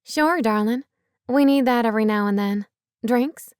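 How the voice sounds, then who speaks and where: Folksy waitress who calls everyone darlin', read by a woman narrator, pitched up and lively, dry recording. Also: moderate pace, smooth, dry recording, natural voice. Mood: chatty. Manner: warm drawl, calls people darlin'.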